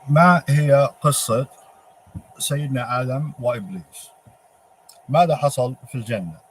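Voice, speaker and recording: A man with a Palestinian Arabic accent giving an informal religious monologue, halting and posing emphatic rhetorical questions. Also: mid-range voice. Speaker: religious speaker. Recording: clearly noisy ambient background.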